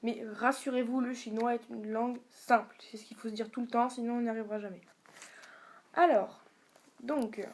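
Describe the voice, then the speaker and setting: A woman's voice: a little high, a little mellow. A woman giving a beginner video lesson on Chinese tones, patiently demonstrating sounds for viewers to repeat. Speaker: Chinese language teacher.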